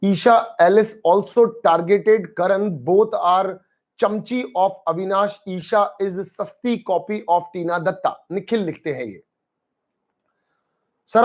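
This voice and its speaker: Brief: male streamer, high-pitched, animated and chatty, reads comments to his audience. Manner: animated, mixes Hindi with English phrases, addresses chat by name. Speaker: live-stream host reviewing a reality show. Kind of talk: casual live-stream chat reading viewer comments.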